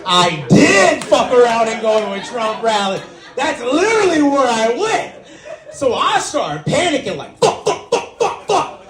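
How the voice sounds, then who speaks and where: A man's voice: a little slow, roomy sound, a crowd in the background. A young man doing stand-up, telling a story and acting out the people in it with sudden jumps in his voice. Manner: animated, acts out quotes with big pitch jumps. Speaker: stand-up comedian.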